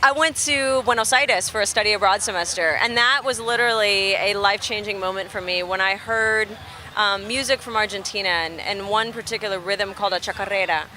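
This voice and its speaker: A young woman from Texas, a musician being interviewed outdoors, telling stories in an animated, chatty way and laughing easily. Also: mid-range voice, a little fast, a little hiss or hum. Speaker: musician guest. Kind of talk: casual interview chat. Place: outdoors at a festival near traffic.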